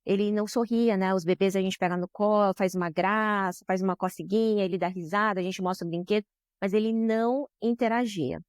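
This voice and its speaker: At a medium pitch with fairly even intonation, she talks a little fast in a clear, resonant tone, with studio quality and no room sound. The Brazilian Portuguese-accented social business director, a podcast guest, tells heartfelt stories and keeps adding tag questions to her sentences.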